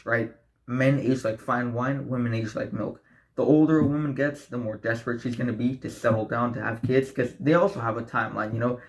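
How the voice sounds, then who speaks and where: This is a direct-to-camera advice vlog from a late-teen young man who does self-improvement content. He's blunt, preachy and profane, keeps addressing his audience as "guys" and tagging on "right?", and speaks at an average pitch. The recording quality is rough.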